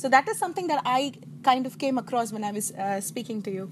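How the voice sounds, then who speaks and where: A woman's voice: high voice, lively intonation, rapid-fire, a little hiss or hum. A young woman with a South Indian accent hosting a casual interview, sometimes slipping into Tamil. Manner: mixes Tamil into English, repeats words while phrasing. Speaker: interviewer and host. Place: outdoor garden seating.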